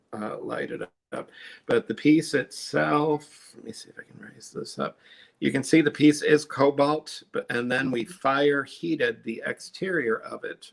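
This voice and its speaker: During a live online sale, a man chats casually while showing his glass pieces and explaining the techniques behind them. His voice is mid-range and creaky.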